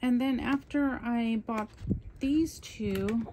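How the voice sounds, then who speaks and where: A woman's voice: on the high side, slow pace, noisy background. A woman hosting a casual coloring book haul, talking chattily and with enthusiasm as she flips through her purchases. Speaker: coloring channel host. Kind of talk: casual haul show-and-tell.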